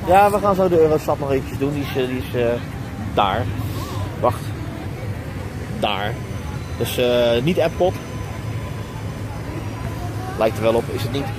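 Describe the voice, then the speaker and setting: A man's voice: mid-range voice, expressive, a little slow, pauses often, noisy background. A man in his thirties with a Dutch accent, chatting casually with many fillers as he vlogs through a busy outdoor theme park, filming himself on a camera held at arm's length. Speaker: vlogger. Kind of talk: casual travel vlog. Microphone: action camera at arm's length. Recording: music clearly heard behind.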